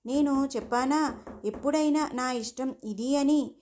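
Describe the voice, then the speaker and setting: Brief: young protective husband, emphatic and warm-hearted, voiced by a female narrator, higher register. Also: unhurried, slight background noise. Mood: insistent.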